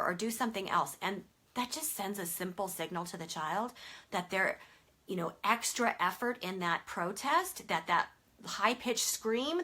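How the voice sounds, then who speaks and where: A woman's voice: medium pitch, pushed and bright. A woman sleep consultant explaining a method to parents in a conversational way, with many fillers and emphatic stresses.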